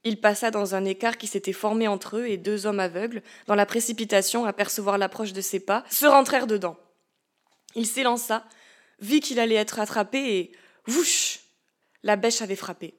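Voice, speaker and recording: A woman narrating a story as an audiobook in a measured, steady reading voice. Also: medium pitch.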